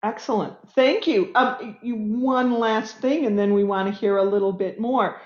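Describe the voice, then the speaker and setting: Woman host, halting emotional questions, echoey dull audio. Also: on the high side, fairly even intonation. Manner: halting, emotional, quick to laugh. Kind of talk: interview questions. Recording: echoey muffled call audio.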